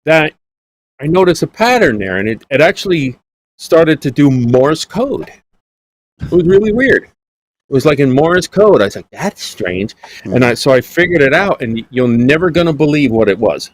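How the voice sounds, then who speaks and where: A man's voice: fairly high pitch, sing-song, normal speed. A man hosting a Bible study show, telling folksy jokes and stories in casual chat. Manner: joking storyteller, folksy. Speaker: Bible teacher and show host.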